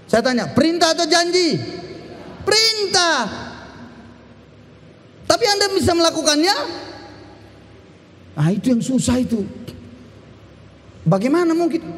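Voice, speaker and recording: A man pastor giving a lively sermon, shifting from sudden shouts to slow, emphatic drops. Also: very high-pitched, in a large hall.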